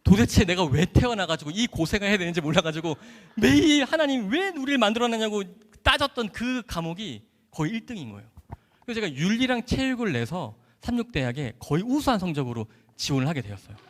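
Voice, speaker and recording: Lively high-voiced man telling his testimony. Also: fast talker. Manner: animated storyteller, acts out dialogue, laughs often. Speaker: doctor giving a testimony. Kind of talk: church testimony talk. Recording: echoey hall.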